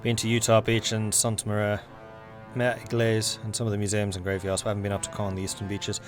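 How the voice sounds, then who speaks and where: Faint music sits under this young English streamer's lowish, quick-paced voice. He chats easily with his audience while playing, rambling along and narrating in-game events out loud.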